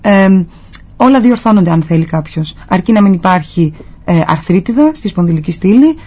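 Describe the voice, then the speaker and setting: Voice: medium pitch, animated, a little mellow. A guest on a talk show explaining posture and treatment, earnestly advising listeners. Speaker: guest physiotherapist. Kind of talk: explanatory interview answers. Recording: dull lo-fi sound.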